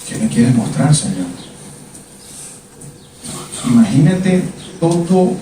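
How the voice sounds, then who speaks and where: A man preaches in a mellow, slightly high voice. He leans on emphatic repetition and keeps asking the congregation questions. The sound is heavily echoey, picked up from far across the church. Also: big pitch swings, slow, a little hiss or hum. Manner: emphatic, repeats words and asks the congregation questions. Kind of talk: sermon. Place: church sanctuary.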